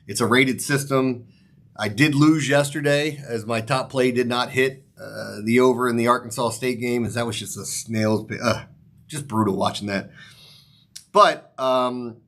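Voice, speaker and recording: A male sports picks host with a mid-pitched voice speaks straight to his viewers in a loose, rambling style. He swears mildly and keeps things informal. His words come out slightly off, like someone talking through a mouth still numb from dental work. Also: fairly bright tone. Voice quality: slightly off articulation, as from a numb mouth after the dentist. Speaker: sports betting show host.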